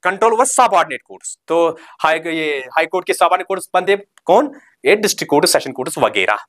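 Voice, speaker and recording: A male coaching teacher delivers a recorded lecture in a steady, drilling manner. He reads key terms out slowly and repeats them, then fires short questions at the class and answers them himself. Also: fairly high pitch. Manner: keeps telling students to remember.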